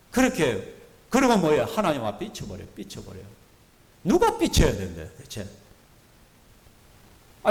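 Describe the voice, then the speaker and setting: A man with a Gyeongsang accent preaching a sermon, animated and rhetorical, often asking the congregation to agree. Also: fairly high pitch. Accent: Gyeongsang Korean. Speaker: pastor. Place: church sanctuary. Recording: reverberant church hall.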